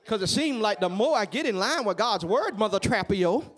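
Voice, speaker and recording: A man preaching a sermon with repeated phrases and rhetorical questions, his delivery swinging between hushed and loud. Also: high voice, animated, normal speed.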